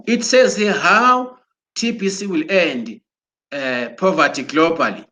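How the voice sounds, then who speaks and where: A broadcaster gives a promotional, motivational talk, urging his listeners on with excitement. His voice sits high for a man, and he speaks slowly and deliberately, often repeating and restarting words. The sound suggests a computer mic while he shares his screen.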